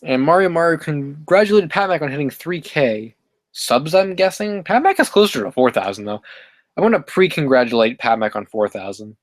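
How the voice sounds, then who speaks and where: A man's voice: fairly high pitch, sing-song, moderate pace, no room sound. A man hosting a casual live stream, reading chat and rambling with many fillers and self-corrections. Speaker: livestream host reading chat.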